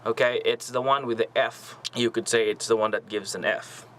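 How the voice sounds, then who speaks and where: A man's voice: mid-range voice, steady tone, normal speed, fairly bright tone, a little hiss or hum, poor audio. A young man hosting a casual photography tutorial, explaining camera settings and checking in often with the viewer. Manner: friendly, checks in with "okay?". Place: small home studio with lights.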